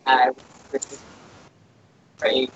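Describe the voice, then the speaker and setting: A man's voice: extremely slow, a bit bright, muffled recording, a little hiss or hum. A man mumbling in casual group chat, sitting far from his mic, which keeps cutting out and makes his volume rise and fall. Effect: mic cutting out, uneven volume.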